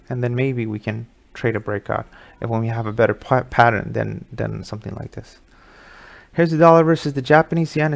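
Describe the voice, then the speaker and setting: A man's voice: medium pitch, creaky. A middle-aged man from Sweden hosting a live market webinar, talking casually through charts with many fillers.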